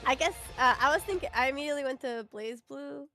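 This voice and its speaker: A woman with a high voice, playing in a tabletop game and chatting casually. She giggles often between lines. Music sits clearly in the background. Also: quick pace. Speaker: player. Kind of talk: casual chat.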